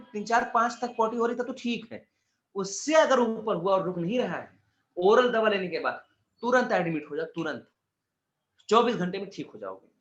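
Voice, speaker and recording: High-pitched and a bit bright, a man runs an exam-prep class with a casual, chatty feel, tossing in jokes and asides and calling students "beta." Echo and slightly dull sound mark the recording.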